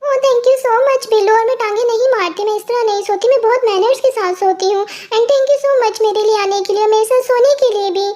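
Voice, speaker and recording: A sulky young woman in a storybook who protests and pleads, read by a woman. The voice is very high and quick. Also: mellow.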